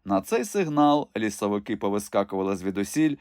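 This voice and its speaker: Expressive male audiobook narrator. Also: fairly low pitch, moderate pace, no room sound. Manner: expressive, dramatic. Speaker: audiobook reader. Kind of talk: storytelling narration. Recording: dry close studio recording.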